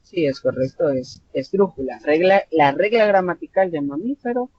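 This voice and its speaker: A man's voice: a little high, expressive, normal speed, husky. A Salvadoran man tutoring an online class, explaining patiently with many fillers and self-corrections. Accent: Salvadoran Spanish. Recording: dull lo-fi online class audio with faint noise.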